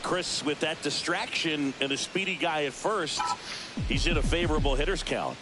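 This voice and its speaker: A man calling baseball play-by-play, briskly announcing each play. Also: on the high side. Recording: game audio under loud background noise.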